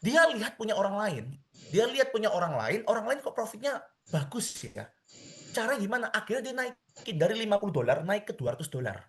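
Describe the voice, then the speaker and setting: Animated male seminar speaker. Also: brisk. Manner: animated, acts out people's quotes, repeats "teman-teman semuanya"; lively swings in pitch and loudness. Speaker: seminar speaker on crypto trading. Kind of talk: live seminar talk to an audience.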